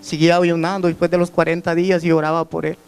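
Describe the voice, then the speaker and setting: A man's voice: on the high side, completely flat delivery, fast, vocal fry, smooth. Earnest man giving testimony. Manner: earnest storytelling, repeating words and restarting phrases. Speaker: church member giving testimony. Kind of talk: church testimony. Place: church service.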